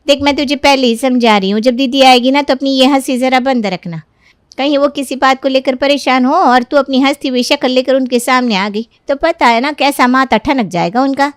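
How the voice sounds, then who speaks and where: A woman's voice: high-pitched, normal speed, no room sound, studio quality, natural voice. A woman voicing a caring middle-aged mother in a cartoon story, coaxing and soothing in tone. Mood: warning. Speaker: Madhu, Sonia's mother.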